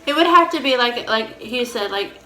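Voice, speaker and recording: A woman's voice: fairly high pitch, lively intonation, moderate pace, music in the background. A woman chatting casually as she hosts a question-and-answer video, informal and repeating phrases as she explains. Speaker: host of a couple's Q&A mukbang video. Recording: roomy echo, faint background noise.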